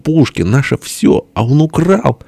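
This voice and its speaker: A man's voice: fairly low pitch, lively intonation, fast, mellow, husky, no echo, voice pushed up. A man voicing a simple, eager young man in an audiobook, plain and a bit sulky. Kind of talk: audiobook character voice.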